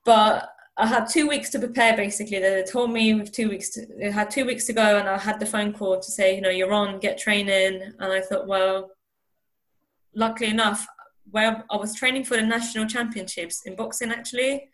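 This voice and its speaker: As the guest in a candid conversational interview on a video call, a young Iranian woman speaks earnestly at a normal speed. Her voice is medium-pitched with fairly even intonation, and her speech is marked by restarts and repeated words.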